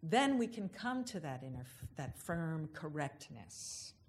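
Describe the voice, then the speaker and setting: Low-voiced woman giving a reflective talk. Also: very animated, a little hiss or hum. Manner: unhurried, thoughtful, drawn-out emphasis on key words. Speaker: speaker giving a reflective address.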